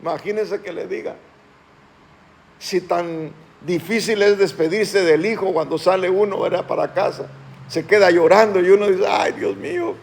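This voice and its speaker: A male pastor preaches to his church in a fairly high voice. He slows and rises when reading scripture and asks his listeners questions. His delivery is earnest and preacherly. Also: fairly even intonation, gravelly. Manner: asks the congregation questions and calls them to respond. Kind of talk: sermon.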